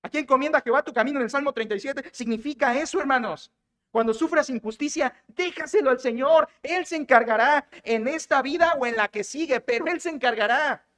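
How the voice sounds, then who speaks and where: A man's voice: extremely high pitch, fairly quick, a bit bright. A male pastor with a Mexican Spanish accent preaching a sermon, often putting rhetorical questions to his congregation and repeating phrases for emphasis.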